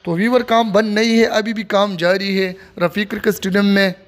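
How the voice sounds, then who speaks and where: A brisk, high-voiced man with little pitch variation walks through a stadium construction site outdoors, recording on his handheld phone. He gives plain, repetitive commentary throughout the casual tour.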